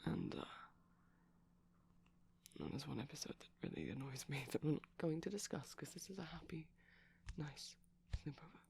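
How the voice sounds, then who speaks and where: Here a man with a fairly high voice gets animated while roleplaying a shy, gentle vampire boyfriend for ASMR. He speaks softly and rambles haltingly in a breathy way, frequently whispering, with a little hiss or hum in the recording.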